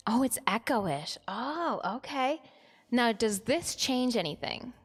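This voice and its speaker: A woman's voice: fairly high pitch, expressive, slow pace, soft background music. A woman live streamer chatting casually to her viewers, her voice soaked in a heavy cave-like reverb effect on her mic. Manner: chatty, giggly, self-deprecating.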